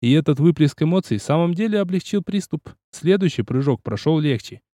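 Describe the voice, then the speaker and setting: A man narrating an audiobook in first person, energetic and often shouting through the action. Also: a little high, a little fast, dry recording.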